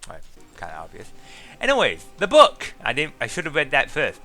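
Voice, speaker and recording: A man's voice: medium pitch, big pitch swings, quick pace, sharp tone. A man giving chatty, joking commentary on a game and reading its texts aloud. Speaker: let's play commentator.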